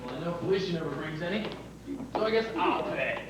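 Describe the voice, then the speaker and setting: A playful, indulgent parent in a TV drama, speaking gently to a child. Her voice is very low, with clear noise behind it. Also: lively intonation, a little fast, roomy sound. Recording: noisy vintage TV audio.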